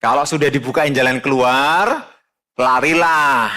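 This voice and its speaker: Male pastor, sermon; colloquial, direct address, shifts between quiet earnest and raised emphatic exhortation. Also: unhurried. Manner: emphatic, swings from low earnest tones to loud raised exhortation. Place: church.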